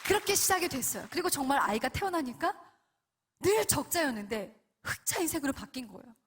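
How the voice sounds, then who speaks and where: A woman's voice: high voice, big pitch swings, brisk, some chatter behind. A woman in her forties giving an earnest testimony sermon at a prayer meeting, often asking the audience questions. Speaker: guest speaker at a prayer meeting.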